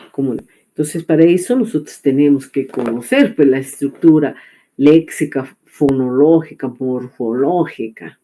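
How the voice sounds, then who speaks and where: Woman teacher, slow and mellow, halting lecture with lots of filler pauses. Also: deep voice. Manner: hesitant, many filler pauses and tag questions. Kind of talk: online class lecture.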